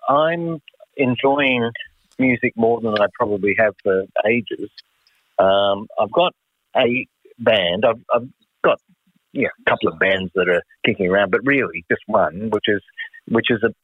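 A man's voice: fairly low pitch, dry recording. A man in his sixties with an Australian accent, casually reminiscing as a musician guest on a phone call. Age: 60s. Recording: narrow phone line.

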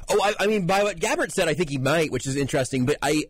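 Wry, husky sports radio man. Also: a little high, animated, quick pace, no room sound. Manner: wry, builds a theory with mock intrigue. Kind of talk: casual sports talk.

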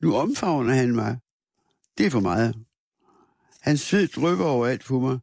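Gravelly man reading a somber story. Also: mid-range voice, lively intonation, a little mellow, no echo, clean studio sound. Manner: measured, somber reading with small restarts. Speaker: narrator. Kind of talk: first-person literary narration read aloud.

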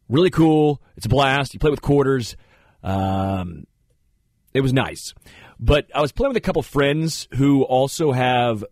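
A man hosting a radio show from a studio, telling stories in a casual, animated way. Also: mid-range voice, no echo. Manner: animated storytelling, puts on voices. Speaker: radio host. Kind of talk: casual sports radio chat. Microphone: studio mic.

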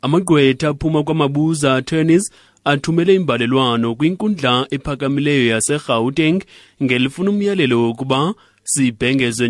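A man delivers a scripted news report in a South African Xhosa accent. His pitch is average for a man. The recording is dry, with hardly any room around the voice. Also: no room sound.

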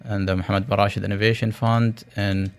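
Male tech-founder type, interview guest: low register, very little inflection, startup-pitch vocabulary, hesitant phrasing. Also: little pitch movement, brisk, smooth. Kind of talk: radio interview.

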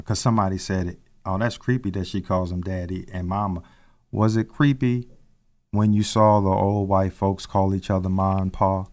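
Earnest man, tearfully impassioned speech. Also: sits low. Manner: earnest, builds from soft to impassioned. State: crying. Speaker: husband speaking on a panel. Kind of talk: emotional heartfelt speech.

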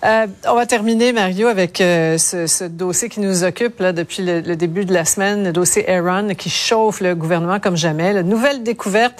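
A woman hosting a news panel, briskly leading with questions. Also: on the low side. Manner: brisk, leads with questions, frequent brief agreements. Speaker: news show host.

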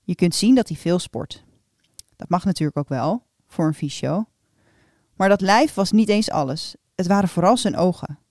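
A woman's voice: on the low side, expressive, moderate pace, darkish tone, no echo, clean studio sound. A woman reading an erotic first-person story aloud in an intimate, confiding manner.

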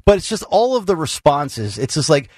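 A man's voice: on the high side, big pitch swings, normal speed. A man hosting a morning talk radio show, reading out a story and then chatting it over in a rambling, self-interrupting way. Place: radio studio.

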